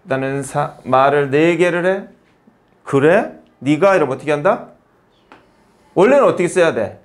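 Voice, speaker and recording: A man's voice: on the high side, animated, moderate pace. A man teaching basic English grammar in a casual lesson, explaining patiently in short phrases and asking and answering his own questions.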